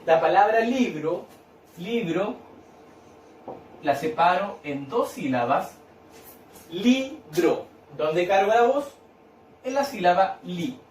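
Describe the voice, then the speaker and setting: A high-voiced man teaches slowly and patiently, stretching out words. He sounds set back from the mic in an echoey room with faint noise behind him. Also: animated, recorded from a distance. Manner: patient, repeats and claps out syllables, tag questions. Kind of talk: recorded lesson explaining a worksheet.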